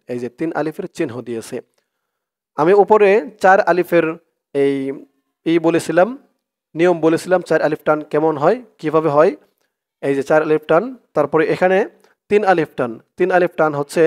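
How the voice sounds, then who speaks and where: A man teaches Quran reading in a calm lesson. His voice sits high and sounds clear and smooth. He breaks each word into its letters and vowel marks, then chants the verse in slow, drawn-out tones. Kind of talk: spelling lesson with recited verses.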